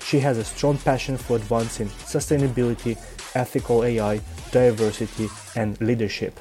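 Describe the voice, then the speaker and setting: A man hosting an interview series, reading a scripted intro and then asking relaxed questions with fillers. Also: mid-range voice, moderate pace, faint music behind. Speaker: interview host.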